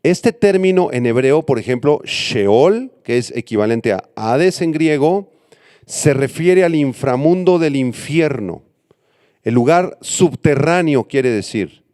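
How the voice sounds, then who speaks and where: Male pastor, mellow and smooth, dry close sound; sermon that teaches word meanings. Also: medium pitch, dry recording. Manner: teaching, spelling out Greek and Hebrew words for note-takers.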